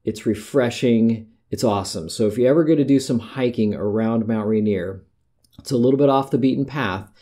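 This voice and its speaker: A man's voice: medium pitch, brisk, dark tone. A middle-aged American man talking casually about hiking in a rambling, conversational monologue, often correcting himself mid-sentence. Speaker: podcast host.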